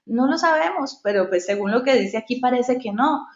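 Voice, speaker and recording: Warm-spoken woman teaching a devotional. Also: a little high, expressive, moderate pace, roomy sound, muffled recording. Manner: conversational, tells personal stories. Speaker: women's Bible study leader. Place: at home.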